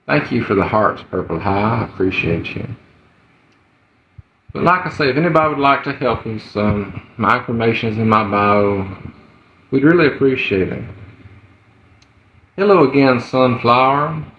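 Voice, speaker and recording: A man's voice: medium pitch, expressive, moderate pace, pauses often. Southern man on a roomy, muffled livestream. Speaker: livestream host. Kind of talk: casual livestream chat, greeting viewers. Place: indoor room at home. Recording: muffled, roomy, slightly noisy livestream audio.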